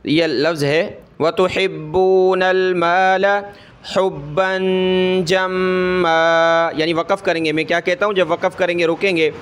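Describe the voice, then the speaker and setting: High-voiced man teaching slow recitation. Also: steady tone, fairly bright tone. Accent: Pakistani Urdu. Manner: slow drawn-out syllables, quick explanations. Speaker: Quran reading teacher. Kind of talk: spelling-out recitation lesson.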